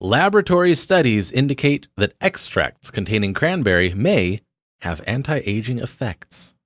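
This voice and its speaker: A man hosting a comedy podcast, reading out trivia in a dry, deliberate way. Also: medium pitch, big pitch swings, no echo. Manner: reads facts aloud in a dry, deliberate way. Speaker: podcast host.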